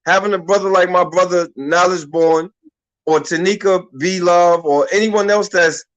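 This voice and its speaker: High-voiced talk-radio host in his thirties. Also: steady tone, normal speed, fairly bright tone, poor audio. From Harlem, New York. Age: 30s. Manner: loose, slangy and conversational, often restarting his sentences. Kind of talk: casual radio talk-show chat.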